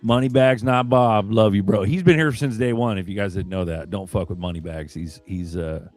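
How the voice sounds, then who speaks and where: A man's voice: lowish voice, normal speed, darkish tone, no echo, soft background music. A man on a casual livestream chat, talking in a laid-back, slangy way and swearing casually. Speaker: co-host.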